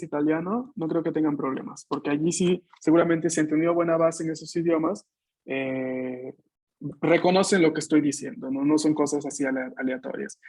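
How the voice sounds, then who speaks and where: A man teaching a Japanese class online over a video call. He explains patiently, models sounds slowly for his students to repeat, and often ends phrases with tag questions. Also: on the high side, a little mellow, husky.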